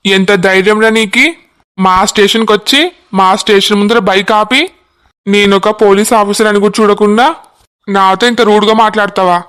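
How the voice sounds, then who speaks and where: A man's voice: sits high, steady tone, moderate pace, fairly bright tone, smooth. A voice artist voicing a strict, scolding male police officer in a cartoon. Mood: stern. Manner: scolding, commanding.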